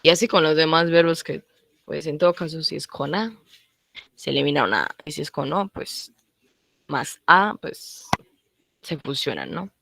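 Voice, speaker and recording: Low-voiced woman teaching grammar casually. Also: expressive, vocal fry, a bit bright, no room sound. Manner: repeats points and checks in with quick tag questions. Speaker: language teacher. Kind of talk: casual online grammar lesson.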